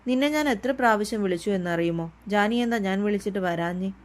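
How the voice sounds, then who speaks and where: A woman's voice: medium pitch, fast, natural voice. A teasing young lover from a read-aloud romance, as a woman narrator puts him on, coaxing and playful, sulking now and then. She keeps close to her own voice. He speaks like a cheeky young man who loves to tease. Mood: sulky.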